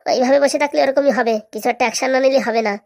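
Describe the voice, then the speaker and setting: A woman's voice: high-pitched, fairly even intonation, racing, darkish tone. A woman voicing a scheming middle-aged mother in a comic cartoon, giving bossy, conspiratorial instructions. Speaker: cartoon voice actor.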